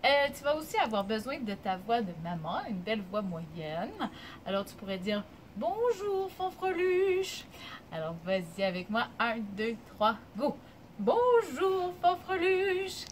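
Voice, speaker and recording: A young adult woman, a daycare music teacher telling a story to young children in an animated singsong way. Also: medium pitch, moderate pace, slight background noise, poor audio.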